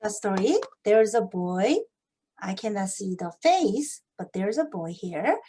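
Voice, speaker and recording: Female English teacher, lively picture-book reader, unhurried delivery. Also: mid-range voice. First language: Korean. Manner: lively, asks children questions. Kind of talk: demonstrating a picture-book read-aloud.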